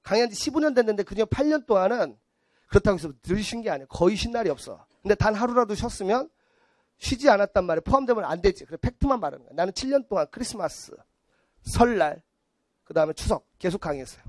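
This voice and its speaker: A man's voice: sits high, lively intonation, quick pace, a little mellow, dry recording. A man in his forties lecturing a class on math, blunt and teasing, acting out little scenes of the people he talks about.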